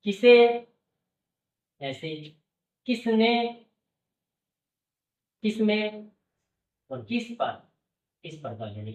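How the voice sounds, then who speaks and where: A man teaching stenography shorthand, explaining step by step and patiently repeating his checks with the learner. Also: high voice. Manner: patient, repeats "okay" and "look carefully" often. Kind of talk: classroom-style explanation. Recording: echoey, distant, dull sound.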